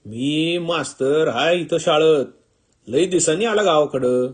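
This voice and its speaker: A man voicing a friendly, humble young village schoolteacher who speaks simply and loudly, with a rural Marathi village accent. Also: on the high side, unhurried, slightly rough. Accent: rural Marathi village dialect. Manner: simple rustic speech, raised voice. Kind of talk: storytelling reading.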